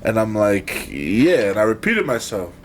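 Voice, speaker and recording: A man's voice: fairly high pitch, moderate pace, a little hiss or hum. A young man, a podcast co-host, telling a date story in casual chat, swearing and acting out what was said. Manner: storytelling, animated, swearing, acts out quotes.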